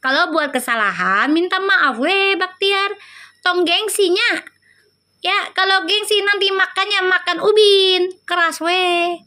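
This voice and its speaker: High-voiced chatty tarot reader. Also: female voice, a little slow, bright, forceful tone. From Indonesia. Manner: chatty, teasing, affectionate, laughs often. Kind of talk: casual livestream chat with viewers.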